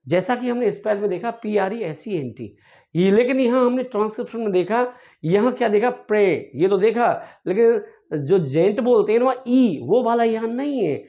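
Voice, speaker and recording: A male English teacher giving an online grammar lesson, drilling words by repeating them slowly and addressing viewers fondly. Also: sits high, expressive, mellow, lo-fi sound.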